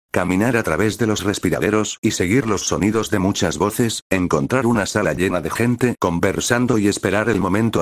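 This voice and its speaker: Low-voiced guy reading fan fiction out loud, dry close sound. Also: dry recording. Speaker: narrator.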